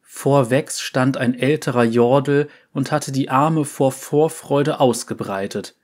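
A man narrating a fantasy story in a measured, deliberate reading. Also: medium pitch, darkish tone.

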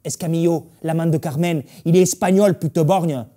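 Brief: brash young singer, southern French accent, cocky and loud-mouthed, voiced by a male actor. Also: a little high, normal speed, close to an everyday voice. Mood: indignant. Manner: cocky, swearing freely.

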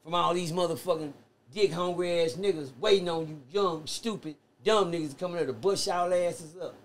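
A man telling prison stories in a casual podcast chat, animated and profane, acting out the voices of other people. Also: high-pitched, normal speed, a little hiss or hum. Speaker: podcast guest.

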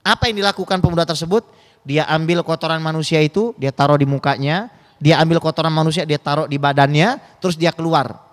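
A man preaching a sermon with stories, in an animated way, jumping between loud and soft with humorous asides, in a mosque hall with long reverb. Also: a little high, fast. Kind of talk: sermon with storytelling.

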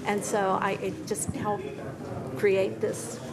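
An older woman speaks as a studio guest at a medium pitch. She explains herself haltingly and without a script, with clear chatter in the background. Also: level tone, poor audio. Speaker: guest porcelain painter and teacher. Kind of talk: unscripted guest interview talk. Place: TV studio desk, indoors. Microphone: lapel mic.

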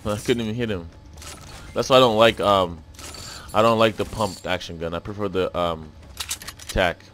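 Low-voiced male gamer over noisy game audio. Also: normal speed, fairly bright tone. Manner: loose, rambling talk with urgent repeated callouts. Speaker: gaming YouTuber. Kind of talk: casual gameplay chat.

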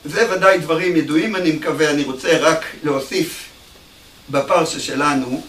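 A male rabbi giving an animated ethical sermon in a study hall, sometimes raising his voice to a shout. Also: fairly high pitch. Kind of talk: sermon with a parable. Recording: echoey room, distant mic, faint hum.

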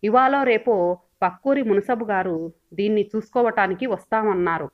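A woman's voice: mid-range voice, normal speed, natural voice. A woman voicing a stern, stubborn village father who speaks in a firm, dismissive way, heard on a dull lo-fi recording.

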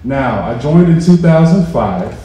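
A man in his thirties gives a heartfelt personal talk, rising to forceful emphasis at key moments. His voice is warm and dark. It carries through a big, boomy meeting room, picked up from some distance with faint room noise behind. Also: animated, measured pace, very echoey. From Rochester, New York. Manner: earnest, building to emphatic peaks. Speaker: veteran speaker. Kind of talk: personal story speech. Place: large hotel meeting room, indoors. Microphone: handheld mic heard from far off.

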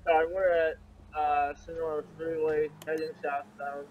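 Man doing a patrol cop on police radio, clipped codes, slightly high voice, muffled lo-fi sound. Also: little pitch movement, moderate pace, a little hiss or hum. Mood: urgent. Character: male patrol officer in a roleplay game. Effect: police radio call.

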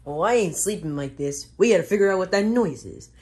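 A woman's voice: fairly low pitch, expressive, brisk, darkish tone, lightly acted. A woman voicing Luigi as a bossy, boastful grown man in a homemade comedy skit with toys.

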